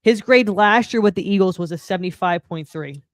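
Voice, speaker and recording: A woman's voice: on the low side, a little fast, dry recording, clean studio sound. A woman co-hosting a sports podcast, blunt and dismissive, backing her points with stats. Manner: blunt, dismissive, stat-driven. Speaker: podcast co-host. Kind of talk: casual sports chat.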